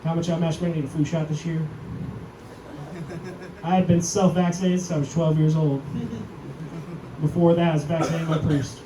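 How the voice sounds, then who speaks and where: A young man with a high voice works through a stand-up set in a deadpan, self-deprecating way. He lifts his voice when he acts out other people. The sound is roomy and distant, with a loud club ambience behind him. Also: brisk, pauses often. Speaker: stand-up comedian. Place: comedy club stage. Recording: echoey club, mic heard from far, audience noise.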